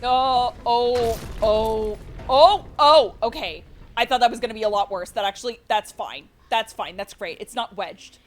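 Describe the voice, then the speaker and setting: A woman speedrunner giving live commentary on her game, cooing baby talk to the creature and bursting out loud when things go well or wrong. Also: mid-range voice, a little fast, slight background noise. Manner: excitable, with sudden loud outbursts. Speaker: speedrunner streamer.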